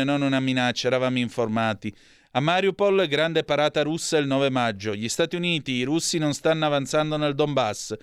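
A man presents a live news review in a clean, resonant voice at a middle pitch. The sound is dry and close. He reads headlines, hesitates, corrects himself and drops in asides. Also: fairly bright tone, clear, resonant tone, dry recording. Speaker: radio news host. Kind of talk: live press review, reading and commenting on headlines.

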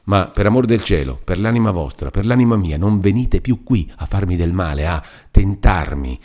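A man's voice: low-pitched, lively intonation, moderate pace, a little mellow. A man reading aloud voices a devout young woman who pleads tearfully and imploringly. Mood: pleading.

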